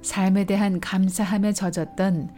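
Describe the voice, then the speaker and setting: A woman documentary narrator reading a scripted human story in a measured, literary way. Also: mid-range voice, flat delivery, mellow, faint music behind.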